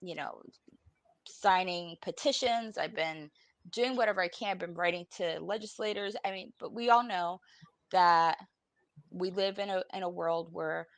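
Fairly low-pitched and moderately paced, with no room sound, a Puerto Rican woman in her forties speaks as a podcast guest over video call from home. Her candid personal panel talk is blunt, informal and salty, and she comes across as worn out and emotionally exhausted.

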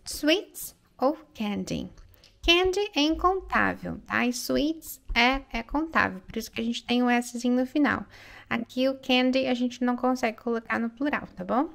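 A woman's voice: on the high side, a bit bright. A Brazilian woman English teacher who explains phrases in Portuguese and keeps checking in with "né?" and "ok?". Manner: slow, careful delivery with frequent check-ins like "né?" and "ok?"; reads English lines aloud slowly and clearly.

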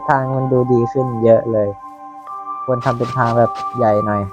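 A man's voice: mid-range voice, steady tone, music in the background. A Thai man casually commenting on his own Minecraft building, chatting to himself as he works. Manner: slow, chatty, talking to himself while building. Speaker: Minecraft YouTuber.

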